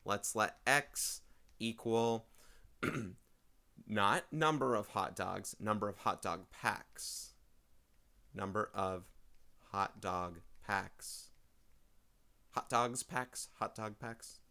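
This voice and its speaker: A man teaching a casual video math lesson, chatty and thinking aloud, often clearing his throat and apologizing, speaking into a desk microphone. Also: lowish voice, extremely slow, pauses often, sharp tone.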